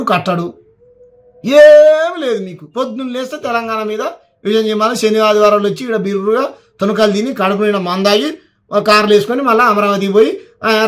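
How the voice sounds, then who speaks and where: High-pitched angry Telangana man ranting. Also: fairly bright tone. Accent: Telangana Telugu. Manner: heated, scolding, repeats words for emphasis. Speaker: political commentator. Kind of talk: angry political rant.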